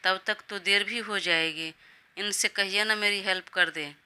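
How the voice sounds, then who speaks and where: Woman doing a young bride, defiant and complaining, very bright crisp voice. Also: mid-range voice, fairly even intonation, a little slow. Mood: whining.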